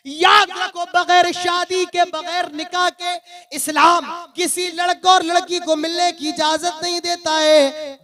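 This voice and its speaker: A man in his late twenties giving an impassioned religious speech as a preacher, declaiming fervently and swelling loud on his exhortations. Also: very high-pitched. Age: 20s. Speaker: Islamic preacher.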